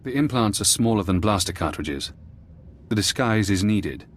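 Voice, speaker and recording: This male actor, whose voice sits lowish, gives a video game performance as a jailed ex-operative. The character stays calm and clinical, talking in a measured, precise, dryly matter-of-fact manner.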